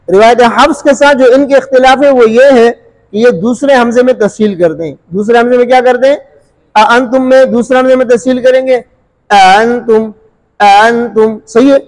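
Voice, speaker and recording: In an Urdu tajweed lesson, a man teaches Quran recitation rules, repeating each point, asking the listener rhetorical questions and sometimes drawing out sounds slowly to demonstrate. His pitch is extremely high, and the audio is poor.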